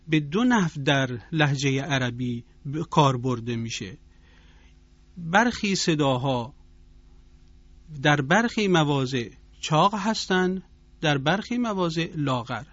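A man's voice: fairly high pitch, a bit bright, no room sound. A man giving a formal tajweed lesson on a radio program, explaining points and demonstrating recitation examples. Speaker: Quran recitation teacher. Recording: dull lo-fi radio broadcast.

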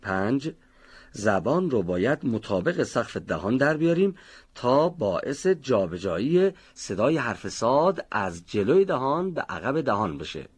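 A man teaching Quran recitation, explaining how to pronounce a letter and slowly sounding out example words. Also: mid-range voice, big pitch swings, breathy edge. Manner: slow, deliberate pronunciation of example words. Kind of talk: instructional lesson. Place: recording studio.

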